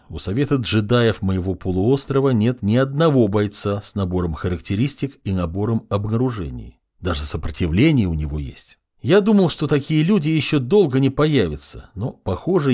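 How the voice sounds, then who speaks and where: Male audiobook reader, husky tone, lively pitch, wry first-person delivery. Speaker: audiobook narrator.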